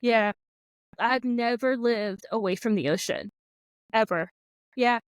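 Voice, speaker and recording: A Florida podcast host with a Floridian American accent chats casually, sprinkling her talk with lots of "like" and "yeah." Her voice is on the high side, slow, clear, and resonant, with no room sound.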